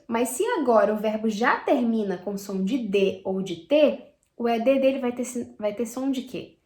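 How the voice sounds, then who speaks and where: A woman from Brazil teaching English pronunciation, demonstrating sounds slowly and repeating them while checking in with her students. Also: fairly high pitch, darkish tone. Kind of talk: pronunciation lesson. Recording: echoey room.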